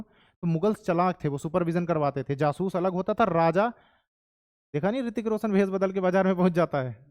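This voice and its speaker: A man with a high, light voice gives a history lecture in a classroom. He talks in a chatty way and keeps checking in with his students, switching into English phrases now and then. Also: darkish tone. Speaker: history teacher.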